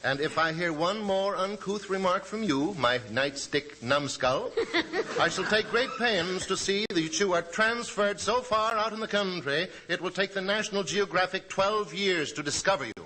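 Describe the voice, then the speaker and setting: An actor playing a pompous, pedantic theater manager in a 1940s radio comedy, speaking grandly and correcting grammar. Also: male voice, high voice, moderate pace, noisy background, natural voice. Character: pompous middle-aged male theater manager.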